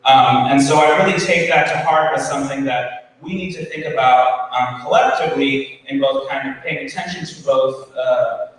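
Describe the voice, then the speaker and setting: A man's voice: mid-range voice, normal speed, few pauses. A man giving a conference keynote to educators, earnest, with many ums and restarts, recorded from far off. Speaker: keynote speaker. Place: school hall with audience. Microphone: far from the recording device. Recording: roomy hall from far off, faint ambience.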